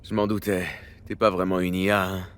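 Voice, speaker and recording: A streetwise techie mercenary in a video game. His voice sits low and he talks in a casual, matter-of-fact way, skeptical but loyal underneath. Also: flat delivery, brisk, a bit bright, clean tone. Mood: disillusioned. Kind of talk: video game acting in French.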